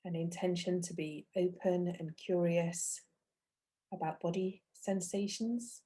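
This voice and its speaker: A meditation teacher guides a session, her fairly low voice soft-edged and deeply mellow. She talks gently and unhurriedly, with long pauses separating short phrases.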